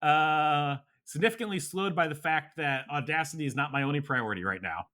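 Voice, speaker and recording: Bright-voiced laid-back male podcast co-host. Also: fairly high pitch, a little fast. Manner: laid-back, laughs often, trailing fillers. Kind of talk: casual chat.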